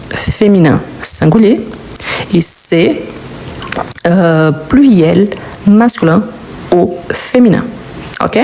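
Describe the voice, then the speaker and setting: A woman's voice: mid-range voice, a little mellow, a little hiss or hum. A woman teaching a live French grammar lesson, explaining patiently and repeating key words.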